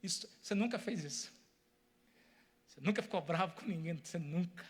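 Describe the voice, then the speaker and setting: Male preacher, high pitch, emphatic sermon delivery. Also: brisk, breathy edge. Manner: emphatic, repetitive, addresses the congregation directly.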